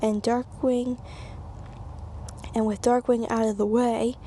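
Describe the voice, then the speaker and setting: Slow, higher-voiced woman reading a storybook. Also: level tone, warm tone, a little hiss or hum. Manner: halting, repeats phrases and corrects stumbles. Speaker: reader. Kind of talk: reading a children's storybook aloud, with casual asides.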